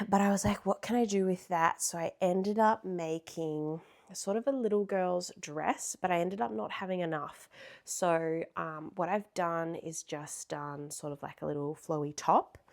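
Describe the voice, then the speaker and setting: Gravelly-voiced Australian woman chatting casually. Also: fairly low pitch. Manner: chatty, rambling, many ums and restarts. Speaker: crochet vlogger. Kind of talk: casual show-and-tell chat.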